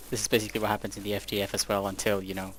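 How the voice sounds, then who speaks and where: A man's voice: fairly low pitch, monotone, racing, fairly bright tone. A man chatting casually with his squad during an online game, joking around and swearing freely. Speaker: gamer in a squad.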